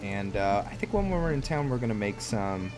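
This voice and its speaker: With game music in the background, a man hosting a roleplay series chats casually about the gameplay at a moderate pace. His voice is on the low side with big swings in pitch, and his rambling, musing thoughts tend to trail away.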